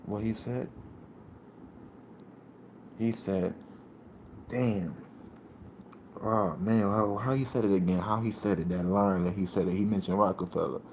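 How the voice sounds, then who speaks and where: A man in his thirties from Puerto Rico hosting a casual livestream, rambling in streetwise slang and shouting out viewers by name. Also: lowish voice, fairly even intonation, unhurried, pauses often, slight background noise. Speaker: livestream host.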